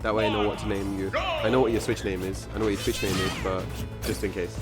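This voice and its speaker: A man with a fairly low voice hosts a live game tournament stream and chats casually with his viewers. He rambles, fills pauses with ums and uhs, and corrects himself mid-sentence. Loud game music plays behind him. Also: fairly even intonation. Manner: rambling, frequent fillers and self-corrections.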